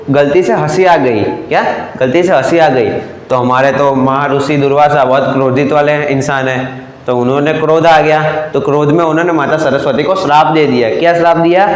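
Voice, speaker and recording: A young man with a Gujarati accent, teaching a class and often repeating himself with quick "क्या?" checks. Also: a little high, roomy sound, rough recording. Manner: repetitive, keeps asking the class "क्या?" then repeats the answer. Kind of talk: classroom lecture explaining a chapter.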